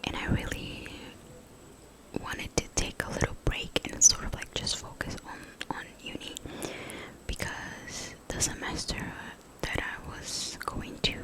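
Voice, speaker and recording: A young woman whispering in a hushed voice, rambling casually for ASMR in a halting, conversational way. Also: low-quality recording. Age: young adult. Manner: hushed voice, pure unvoiced whisper. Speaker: ASMR content creator.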